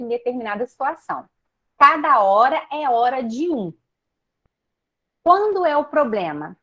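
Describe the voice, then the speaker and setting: A Brazilian woman giving a teaching talk over a video call, often putting questions to her listeners. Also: a little high. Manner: lively, asks the audience many rhetorical questions, tags "né?". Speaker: speaker at a Spiritist meeting.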